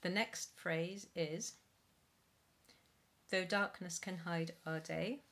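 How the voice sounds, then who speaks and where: Middle-aged woman, singing teacher, lowish voice, careful and slow over a webcam. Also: steady tone, fairly bright tone. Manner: slow careful enunciation with spoken explanations. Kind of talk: pronunciation lesson read from sheets. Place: small room at home, indoors.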